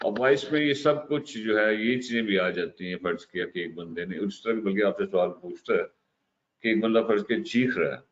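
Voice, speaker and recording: A man gives a patient lecture in a very low voice, mixing English terms into his explanations. The recording is slightly dull, with a faint hiss underneath. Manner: explains slowly, mixes English terms into Hindi-Urdu, frequent "ठीक है" check-ins. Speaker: teacher. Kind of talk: lecture on communication.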